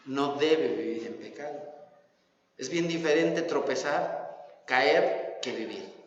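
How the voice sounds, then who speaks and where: A man's voice: mid-range voice, slow, a little hiss or hum. Mexican man, pastor preaching, emphatic, repeats himself, lo-fi dull recording, long church reverb. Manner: emphatic, repeats key phrases, rhetorical questions. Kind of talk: sermon. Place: church hall. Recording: echoey church hall, dull lo-fi sound.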